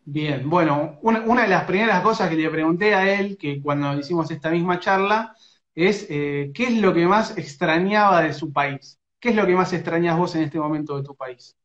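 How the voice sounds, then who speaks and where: Interviewing a young footballer via phone live stream, this sports radio man speaks with an Argentine Rioplatense accent in a somewhat high, slightly bright voice at normal speed. His talk is hesitant, full of fillers, stops and restarts. The phone's front camera picks him up in a small room indoors, giving roomy, muffled sound.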